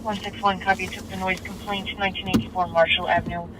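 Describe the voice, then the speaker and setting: A man's voice: sits high, flat delivery, fast, background noise. A man giving terse, businesslike dispatch calls over a police radio.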